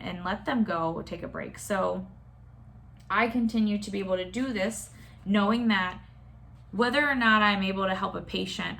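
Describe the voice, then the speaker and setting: A woman's voice: mid-range voice, vocal fry, a bit bright, a little hiss or hum. A young adult woman, a nurse practitioner, talking candidly and casually to a school class, with many fillers and restarts.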